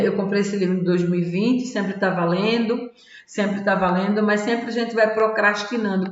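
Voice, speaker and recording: Reading from a self-help book and adding casual commentary, this woman, who coaches in tarot and personal growth, speaks in a mid-range voice and sprinkles in "tá?" and "né?" often. Her recording sounds dull and lo-fi, with the long reverb of an echoey room.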